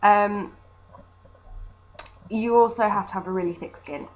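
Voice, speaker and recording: A woman's voice: mid-range voice, fairly even intonation, unhurried, low-quality recording. A British woman talking informally about her own experiences in a chatty, conversational way, thinking aloud as she goes. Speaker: former street fundraiser. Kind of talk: casual informal monologue about personal work experience. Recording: noticeable background noise.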